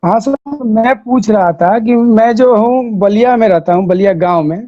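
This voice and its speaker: A man's voice: sits high, normal speed, dark tone, a little hiss or hum. A man asking a question on an online call, his voice breaking up over a bad connection as he trails off mid-sentence. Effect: choppy voice cutting out on a bad connection. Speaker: meeting participant asking a question. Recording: muffled lo-fi online call audio.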